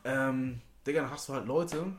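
A man chatting casually in slangy talk, telling animated work stories and acting out quotes. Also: mid-range voice, normal speed, a little hiss or hum. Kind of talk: casual chat.

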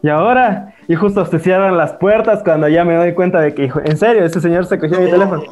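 A man's voice: high voice, steady tone, quick pace, darkish tone, faint music behind. A young man, telling a story in casual chat, slangy and profane, laughing as he goes. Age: young adult.

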